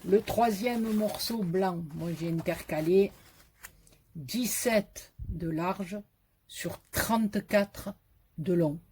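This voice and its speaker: A woman with a Marseille French accent hosting a casual scrapbooking tutorial, chatty and joking, and repeating the measurements slowly. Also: mid-range voice, darkish tone, slightly rough. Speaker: scrapbooking video host.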